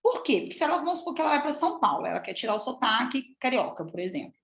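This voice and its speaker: A woman from Minas Gerais with a Minas Gerais accent, a public speaking coach giving a lively, chatty live talk and addressing the audience often. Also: sits high, rapid-fire, vocal fry, echoey room. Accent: Minas Gerais Portuguese. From Minas Gerais, Brazil. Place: room with an audience.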